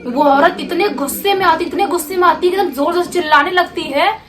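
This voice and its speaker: High-voiced woman telling a horror story. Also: a little fast, crowd noise. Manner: conversational, gestures with words like "like this". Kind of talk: casual spoken storytelling.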